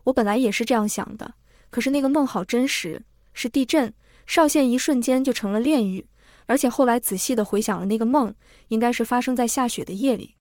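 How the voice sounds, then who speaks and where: A sorrowful young noble lady, voiced by a woman storyteller speaks softly, sighing yet firm. The voice sits a little high and the recording is dry. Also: fairly quick, no echo, natural voice. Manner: soft, sighing, calm.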